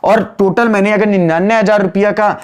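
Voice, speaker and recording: A male accounts teacher giving an online class lecture, repeating key phrases, quizzing his students, and drawling slowly while he writes entries on the board. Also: high-pitched, steady tone, clean tone. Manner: addresses students as "beta", chiding but patient.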